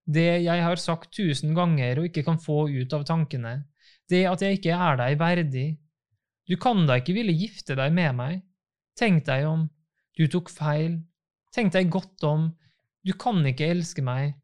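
A man's voice: on the high side, darkish tone, natural voice. A man reading the part of a troubled young groom full of self-doubt, in a despairing, pleading tone.

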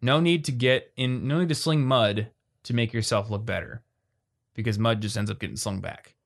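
Casual male podcast co-host. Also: medium pitch. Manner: quick, conversational, reads listener questions aloud.

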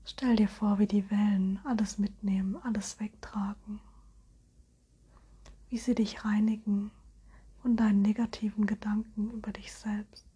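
Woman in a slow, soft breathy spa whisper. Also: mid-range voice, flat delivery. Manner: soothing, slow, gentle suggestions. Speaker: hypnosis guide.

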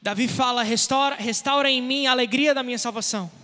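A man interprets a sermon live, line by line, echoing the preacher's energy with brief restarts. His voice is high and bright. He is recorded in a church sanctuary with a long hall reverb behind every line. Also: fast.

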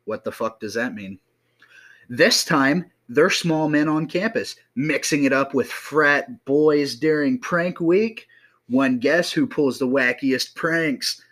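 A podcast co-host putting on the voice of an old AM radio announcer, measured and slow in its pacing. Every phrase is weighted with overblown drama, as though reporting a disaster live on the air. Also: male voice, fairly high pitch, fairly bright tone. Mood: dramatic. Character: man doing an old-time AM radio announcer voice.

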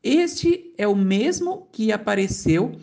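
A woman voicing an elderly blind male scholar who speaks slowly and solemnly, with a mellow tone. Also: medium pitch, animated, gravelly.

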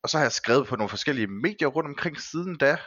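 A man's voice: medium pitch, lively intonation, a bit bright, breathy edge, no echo, highs cut off. A man speaking as a podcast guest in casual conversation, phrasing things with some hesitation and thought. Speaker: podcast guest, film and series reviewer.

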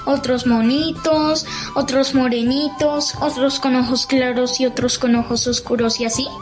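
A woman's voice: high-pitched, steady tone, unhurried, over music, rough recording. A woman voicing a curious, polite child pupil in a children's story.

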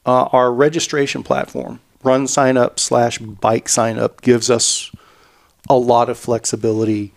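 A man's voice: medium pitch, flat delivery, unhurried, creaky. A man who organizes cycling events, chatting casually on a podcast and rambling as he restarts and repeats words.

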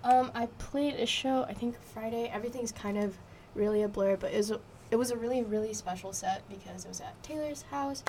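A woman's voice: on the high side, fairly quick, a little mellow. Young woman guest, chatty and giggly, slight noise behind. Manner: giggly, rambling, many fillers. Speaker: musician guest. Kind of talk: casual interview chat. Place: college radio studio. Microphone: studio microphone.

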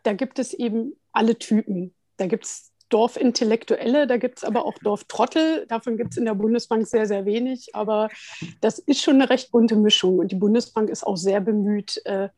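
Woman guest, chatty and laid back, lots of little pauses, a bit high, dry close mic. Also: a little mellow, dry recording. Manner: chatty with frequent hesitations and light laughter. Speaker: guest, head of continuing education at a central bank. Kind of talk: relaxed conversational interview answers.

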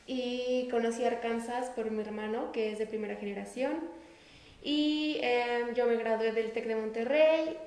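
Young woman, Mexican Spanish accent, student interviewee, relaxed, strong room echo. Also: a little high, measured pace. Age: young adult. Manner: relaxed, laughs easily. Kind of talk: casual interview answers. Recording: roomy echo.

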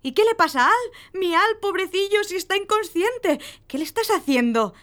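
A woman's voice: very high-pitched, expressive, normal speed, a bit bright. A woman playing a jealous, possessive female inspector with fierce outbursts.

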